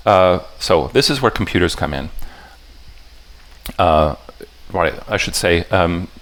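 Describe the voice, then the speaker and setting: Speaking to a live audience, a man with a deep, expressive, fairly bright voice explains puzzle patterns. His delivery is halting and self-correcting, often breaking off to restart or rephrase a sentence, and he keeps checking in with listeners through direct questions.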